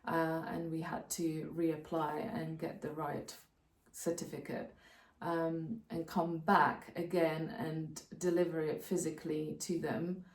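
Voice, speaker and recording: A woman, calmly explaining practical steps in a casual vlog, often pausing to think. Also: sits low, far from the mic. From Slovakia. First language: Slovak. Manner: practical, step-by-step explaining with frequent hesitations. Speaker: co-host of a channel about moving abroad. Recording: roomy sound, voice off-mic.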